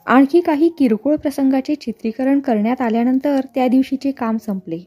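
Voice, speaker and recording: A woman reads a novel aloud with a steady storytelling pace. Her voice is high yet mellow and a little husky, with faint music playing underneath. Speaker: narrator. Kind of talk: novel reading.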